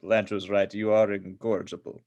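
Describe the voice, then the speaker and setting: A man playing a charming, gallant elderly Cuban gentleman in an amateur sitcom table read. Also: on the low side, level tone, moderate pace, lo-fi sound, lightly acted. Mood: courtly. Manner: courtly, gallant.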